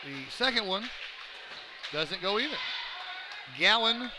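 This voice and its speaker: Play-by-play man, high voice, noisy gym, excited calls on big plays. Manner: rapid excited calls that rise on big plays, joking banter in lulls. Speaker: play-by-play announcer. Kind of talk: live basketball commentary.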